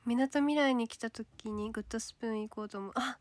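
A chatty woman with a Kansai accent, her voice sitting a little above the usual for women. She talks in a relaxed livestream style and slips into a soft whisper now and then. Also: a little high, fast talker, dry recording. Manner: chatty, reads comments aloud, drops to a soft whisper at times. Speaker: idol livestreamer reading viewer comments. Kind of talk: casual livestream chat.

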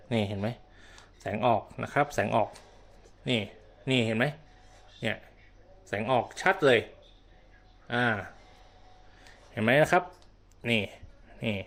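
A man's voice: medium pitch, a bit bright. A man giving a casual hands-on product demonstration, explaining step by step and often repeating himself with polite particles. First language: Thai.

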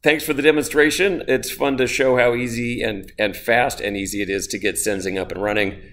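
A man's voice: lowish voice, little pitch movement, a little fast, a bit bright. A man hosting a short company video in a playful, joking manner. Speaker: host, company founder. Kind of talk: casual chat.

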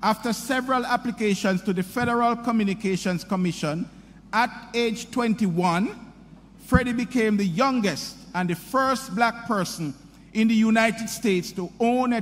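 A middle-aged man at a podium formally introducing a commencement speaker, reading a prepared script in a measured, sing-song delivery. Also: high-pitched, a little hiss or hum. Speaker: university president introducing the speaker. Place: large hall, speaking at a podium. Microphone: podium microphone. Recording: hall reverb with faint ambience.

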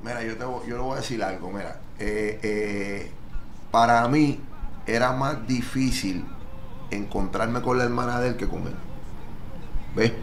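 A man's voice: medium pitch, a little slow, long pauses, slight background noise. A man with a Puerto Rican accent, telling his personal testimony earnestly in an interview and checking in with frequent tag questions. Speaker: guest giving testimony.

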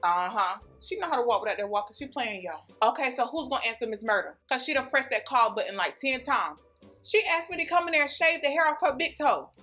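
Comic woman as a chatty nursing home aide, sassy and gossipy, higher-pitched voice, faint music behind. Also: animated, fairly quick, pushed and bright. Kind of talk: comedy sketch monologue.

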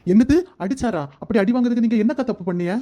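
A voice actor voicing a nosy village neighbor woman in a cartoon, prying with quick questions. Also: medium pitch, dark tone, close to an everyday voice. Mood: prying, alarmed. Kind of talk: cartoon voice acting.

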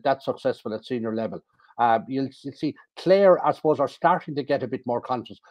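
Older Irish pundit, muffled call audio. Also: male voice, medium pitch, no echo. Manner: assertive, emphatic. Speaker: hurling pundit. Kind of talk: casual sports analysis.

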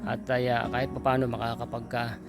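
A man from the Philippines vlogging outdoors on a mountain, talking haltingly with many fillers and coaxing an old man. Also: medium pitch, level tone, creaky. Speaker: charity vlogger. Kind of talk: casual vlog talk to camera and an old man. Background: guitar music.

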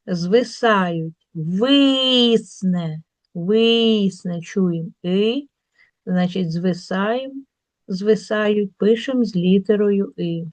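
Slow, deliberate woman teacher. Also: mid-range voice, darkish tone, no room sound. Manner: slow, drawn-out word demonstrations. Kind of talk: explaining a school workbook.

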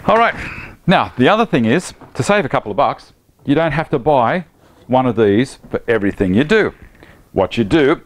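A man's voice: mid-range voice, slight background noise. A man in his fifties with an Australian accent, chatting casually as he demonstrates a woodworking job in his home workshop on a lapel mic. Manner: chatty, relaxed, with laughs and Aussie slang. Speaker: woodworking channel host.

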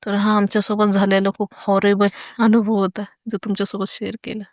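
A woman earnestly recounting her own frightening experience, pausing with hesitant fillers. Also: mid-range voice, monotone, no echo, clean studio sound. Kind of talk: first-person horror account.

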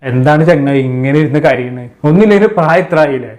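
A man's voice: on the high side, expressive, fast talker, a little mellow. A man giving a casual, chatty recap of a reality show and talking straight to his viewers. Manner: chatty, addresses viewers as kids. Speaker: show commentator.

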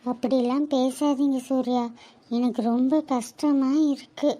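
A woman voicing a high, mellow young wife with a fever. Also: little pitch movement, a little slow. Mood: tender. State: weak with fever. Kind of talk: cartoon drama dubbing.

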